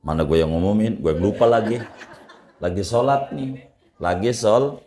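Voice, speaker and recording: A male Islamic preacher, giving a folksy religious lesson full of jokes and loud rhetorical questions. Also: fairly low pitch, normal speed. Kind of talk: religious study lecture. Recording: roomy echo.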